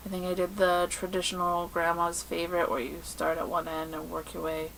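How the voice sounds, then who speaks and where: A woman co-hosting a podcast in casual chat, telling stories in an animated, exasperated way. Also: fairly low pitch, fairly quick, vocal fry, a little hiss or hum, rough recording. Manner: animated, exasperated storytelling with laughs. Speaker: podcast co-host.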